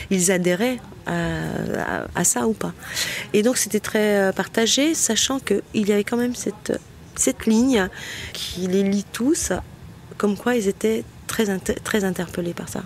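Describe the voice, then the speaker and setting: A fashion school teacher describing their students in an interview, halting with many fillers and restarts. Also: mid-range voice, a little hiss or hum. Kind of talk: interview answer.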